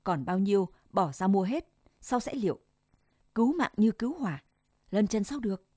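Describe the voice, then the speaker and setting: A woman's voice: medium pitch, expressive, a little fast, warm tone, no room sound, clean studio sound, close to an everyday voice. A woman doing a stern old grandmother. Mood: firm. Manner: firm, scolding.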